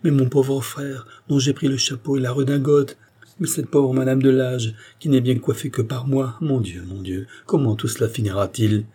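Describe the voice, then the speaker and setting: A man's voice: mid-range voice, fairly even intonation, normal speed, warm tone, breathy edge, voice pushed up, natural voice. A man reading the part of a timid young male hairdresser who frets and stammers. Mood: fretful. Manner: anxious, stammering.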